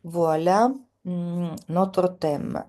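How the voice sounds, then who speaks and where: Middle-aged woman, French teacher, slow and mellow, expressive line-by-line reading. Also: on the low side. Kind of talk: reading a poem aloud line by line with translation.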